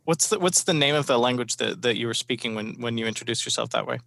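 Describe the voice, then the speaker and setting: A man hosting a podcast interview in a casual way, with halting, hesitant phrasing. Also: medium pitch, vocal fry, a bit bright. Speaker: podcast host.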